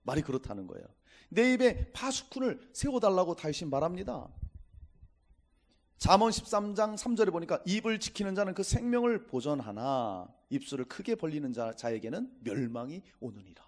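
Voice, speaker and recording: A middle-aged man preaching a Sunday sermon, with a high voice that rises and falls in lively swings. He reads scripture aloud and acts out the people he quotes. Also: moderate pace. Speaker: pastor.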